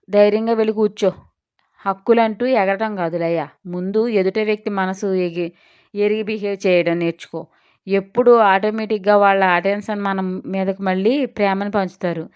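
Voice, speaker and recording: A woman's voice: medium pitch, clear, resonant tone, highs cut off, natural voice. A woman reading a stern lecturing elder brother. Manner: firm, lecturing. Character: stern protective elder brother, young man.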